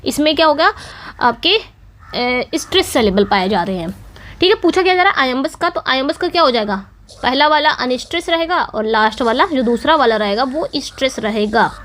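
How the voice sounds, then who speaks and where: A woman's voice: high voice, lively intonation, normal speed, a bit bright. A woman teacher explaining poetry meter in a class video, patient and repetitive, checking in with her students often. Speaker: English teacher.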